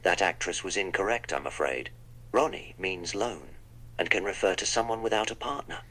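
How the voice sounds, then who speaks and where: Playing the Doctor, the wry, polite, eccentric time traveller, a man narrates his own actions in a text-to-speech role-play. His voice sits low and a bit bright at a moderate pace, and the poor recording has a little hiss or hum.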